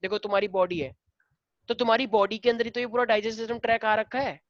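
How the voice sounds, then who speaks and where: A man's voice: high-pitched, little pitch movement, fast talker, dry recording. A man teaching a class, mixing Hindi with English, asking students questions and calling them his dear children. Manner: mixes Hindi and English, quizzes students, affectionate. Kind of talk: classroom lecture. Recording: dull lo-fi dry sound.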